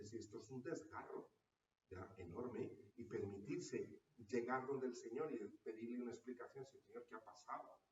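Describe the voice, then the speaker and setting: A man's voice: medium pitch, darkish tone. A man, a parish priest, giving a teaching talk to parishioners and checking in with his listeners through a frequent questioning tag. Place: parish hall or church room. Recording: roomy, distant, dull sound.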